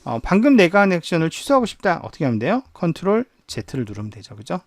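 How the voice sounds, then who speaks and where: Gravelly lively male lecturer. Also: a little high, fast talker, no room sound, clean studio sound. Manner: asks the class questions and answers them himself; walks through screen steps. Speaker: university professor. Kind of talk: online lecture on spreadsheet software.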